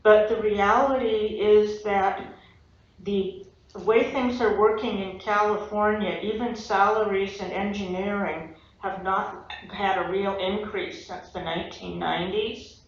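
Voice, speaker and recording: A woman asking questions during public comment at a school board meeting, deliberate and a little wry. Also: medium pitch, steady tone. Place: echoey public meeting room. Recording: echoey, dull meeting-room audio with faint room noise.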